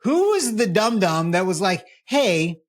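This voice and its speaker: A man's voice: high voice, moderate pace. A man co-hosting a casual tech podcast, joking and riffing with sarcastic asides. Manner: joking, animated, sarcastic riffs. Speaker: podcast co-host. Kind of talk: casual chat.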